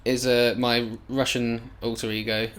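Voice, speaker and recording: A man's voice: mid-range voice, flat delivery, a little slow, a crowd in the background. A man co-hosting a podcast in casual chat, joking and self-deprecating, fond of puns. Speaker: podcast co-host.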